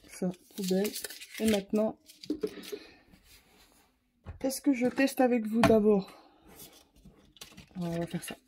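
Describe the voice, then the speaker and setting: A woman's voice: mid-range voice, noisy background. A woman hosting a casual craft video, chatting straight to her viewers and poking fun at herself as she works. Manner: chatty, talks straight to viewers while working; self-mocking, light laughs. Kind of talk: casual demo chat.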